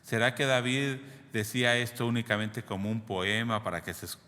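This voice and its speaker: A man's voice: mid-range voice, fairly even intonation, normal speed, pushed and bright, big-room sound. A man preaching a sermon in a conversational way, often checking in with his listeners. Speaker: pastor.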